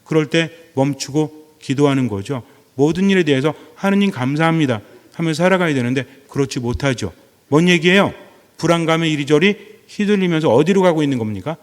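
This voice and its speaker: A man's voice: a little high, a little fast. Man preaching in a reverberant hall. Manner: asks the congregation questions and repeats phrases for emphasis. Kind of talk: sermon.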